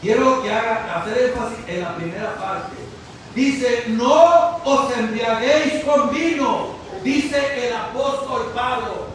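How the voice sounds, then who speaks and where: Male preacher, high voice, slow and emphatic, shouting at peaks, heard from far off in an echoey church with faint hiss. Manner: preaching with rising shouts and slow, stressed words. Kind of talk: impassioned sermon. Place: church sanctuary.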